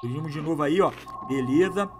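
A man doing excitable, slangy live gameplay commentary as a gaming YouTuber, hyping up his viewers. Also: on the high side, fairly quick, faint music behind.

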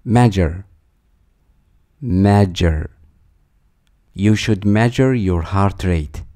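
Reading a vocabulary list very slowly and deliberately, a man with a low, mellow voice says each word twice and follows it with an example sentence. The recording is dry and close, with no echo.

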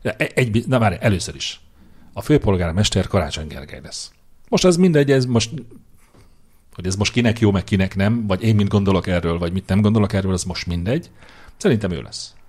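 A man's voice: lowish voice, expressive, a little mellow, slightly rough. A man co-hosting a casual podcast, opinionated and teasing as he makes predictions and mocks public figures. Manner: opinionated, teasing, quick to mock. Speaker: podcast co-host. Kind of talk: casual political chat.

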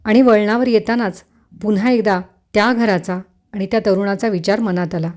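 A woman's voice: mid-range voice, fairly even intonation, normal speed, a little mellow. Woman narrating a first-person romance story.

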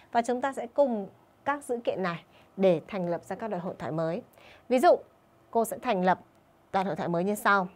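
A woman English teacher giving an online video lesson for schoolchildren. She keeps checking in with her pupils and slows down to model English sentences. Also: mid-range voice.

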